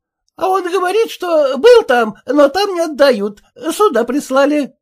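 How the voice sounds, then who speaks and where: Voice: high-pitched, expressive, a little slow, darkish tone, voice pushed up. A reader doing an anxious, folksy woman cook. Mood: reporting. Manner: anxious, plain folksy speech. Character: simple, fussing woman cook, a servant.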